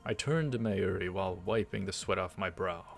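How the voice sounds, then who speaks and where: Hosting a let's play, this man reads a visual novel aloud and drops in casual, hesitant, rambling asides. His voice is deep and creaky, at a moderate pace. The game's background music plays faintly behind him.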